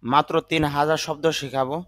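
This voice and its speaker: A man's voice: fairly high pitch, steady tone, a bit bright. A man teaching English vocabulary, carefully spelling and sounding out each word. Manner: spells and sounds out words deliberately. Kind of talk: slow vocabulary lesson in Bengali.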